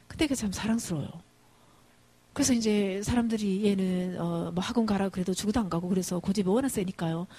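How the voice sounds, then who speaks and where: Brief: female church speaker, husky, animated anecdotal sermon. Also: medium pitch, brisk. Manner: lively storytelling, humorous family anecdotes. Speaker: guest speaker at women's mission devotion service.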